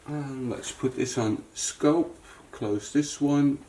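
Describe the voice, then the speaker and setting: A repair technician who hosts a channel works through an unscripted, hands-on repair demo, muttering and thinking aloud as he goes. His mid-range voice is dark and his pace slow.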